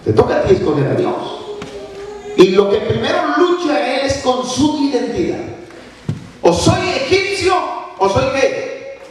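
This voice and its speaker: A male preacher with a fairly high voice delivers an emphatic sermon, rising to loud lines and dropping to quiet ones and quizzing the congregation. He sounds far from the mic in a very echoey church, with faint noise underneath. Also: animated, normal speed. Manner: emphatic, swings between loud and hushed, asks the congregation questions. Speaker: minister preaching. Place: church sanctuary.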